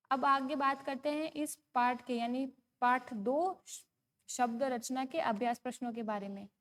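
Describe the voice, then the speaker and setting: A woman with a Rajasthani Hindi accent teaches a class of young children, with a high, clear pitch. She speaks very slowly, drawing out each chanted line of verse. She often poses a question and answers it herself. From India. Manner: chants poem lines slowly, asks and answers her own questions. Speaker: primary school teacher. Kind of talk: slow recited Hindi lesson for young children.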